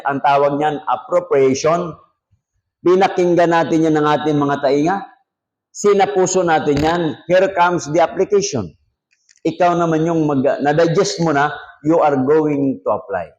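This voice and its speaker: Filipino pastor giving a chatty sermon. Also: male voice, fairly high pitch. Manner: chatty, drops to a soft aside then rises for emphasis. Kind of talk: conversational sermon at a prayer meeting.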